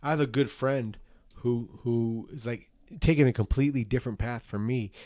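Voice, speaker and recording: A man's voice: mid-range voice, moderate pace, warm tone, no echo, studio quality. A drunk man on a rambling rant to an online audience, earnest and emphatic, repeating himself and speaking bluntly. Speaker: parent giving personal opinions.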